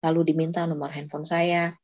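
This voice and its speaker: A woman's voice: deep voice, little pitch movement, fairly quick, no room sound. A woman telling her personal testimony in an earnest, emotional way. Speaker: testimony giver. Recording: slightly dull lo-fi audio.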